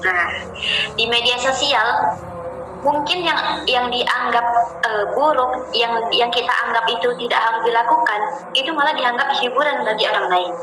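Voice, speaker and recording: A woman with a fairly high voice leads a relaxed Islamic study talk and keeps calling her listeners friends. She speaks gently and often repeats her words. The sound is roomy, with music playing behind her. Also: normal speed. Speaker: ustadzah leading a religious study session.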